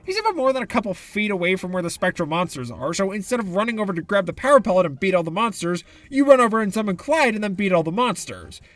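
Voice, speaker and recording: A man's voice: high-pitched, sing-song, fast talker, few pauses, no room sound. A man giving sarcastic, exasperated commentary for a video game review essay, into a close mic.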